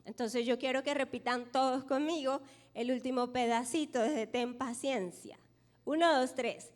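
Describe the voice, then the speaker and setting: A woman's voice: sits high, steady tone. A woman pastor preaching a sermon, reading scripture aloud and leading the congregation in repeating lines back to her. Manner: leads the congregation in call-and-response repetition; reads scripture aloud, slowing for emphasis. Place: church sanctuary. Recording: long hall reverb of a church.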